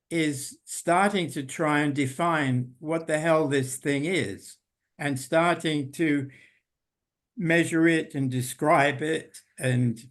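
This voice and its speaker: An older man giving an unhurried, thoughtful talk over a video call, pausing often with ums. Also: on the high side, a bit bright. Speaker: invited presenter. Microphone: video call computer mic.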